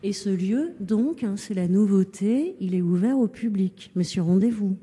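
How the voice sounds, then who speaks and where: A woman radio reporter with a husky voice, guiding an on-location interview in an echoey hallway. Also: mid-range voice, lively intonation, normal speed, dark tone. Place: echoing indoor hall of a townhouse. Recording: echoey, resonant entrance hallway.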